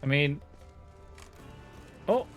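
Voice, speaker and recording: A streamer casually commenting on a game, playful and quick to joke and laugh. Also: a bit bright. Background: game music.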